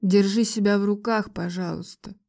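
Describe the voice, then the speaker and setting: A woman voicing a young man who speaks in a calm, cold, clipped way, read for an audiobook. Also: medium pitch, normal speed, lightly acted. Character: young man, cold, controlled, then guilty lover. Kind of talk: audiobook reading.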